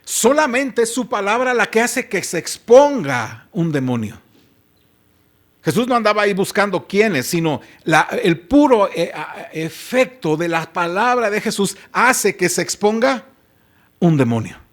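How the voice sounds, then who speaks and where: Male pastor, high voice, chatty sermon full of rhetorical questions. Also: very animated, a little slow. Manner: conversational, asks the congregation rhetorical questions.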